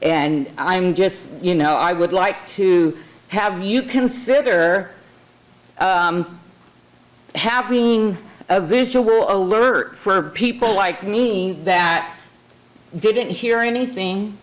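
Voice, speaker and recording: A woman's voice: medium pitch, takes it slowly, rough recording. A woman from California making an informal public comment in an earnest, conversational way, repeating words for emphasis. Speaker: public commenter at a city council meeting.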